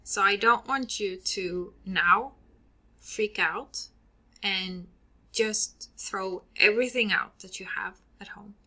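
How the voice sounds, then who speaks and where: Speaking slowly with a sharp tone at medium pitch, this Swedish podcast host shares earnest advice on her own show. Her Swedish accent is clear, and she often trails off breathily at the ends.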